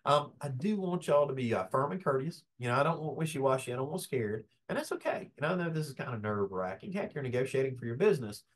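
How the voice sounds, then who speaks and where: A man leads a business workshop, talking in a folksy, animated way. He is middle-aged and keeps his pitch in a middle register. He slips into quick bits of acted-out dialogue. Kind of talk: lively workshop lecture.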